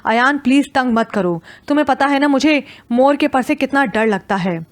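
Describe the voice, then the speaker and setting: Woman reading as a scared teary young wife, pleading, highish voice. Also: lively intonation, no echo. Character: timid tearful young wife.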